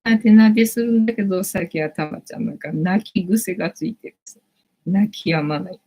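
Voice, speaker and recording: A woman in her late forties hosts a casual livestream from home, her medium-pitched voice brisk and slightly rough on lo-fi sound. She rambles chattily with plenty of fillers.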